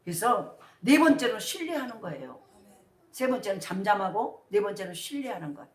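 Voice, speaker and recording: At medium pitch and a normal pace, a middle-aged woman preaches her sermon as senior pastor, animated and trading call-and-response questions. The sound comes from a distance in a roomy, echoing church sanctuary.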